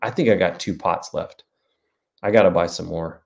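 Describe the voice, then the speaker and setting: This author in his forties rambles through viewer comments with self-deprecating humor during a casual livestream, filmed by a desk webcam in a small room at home. He speaks at normal speed in a low, gravelly voice.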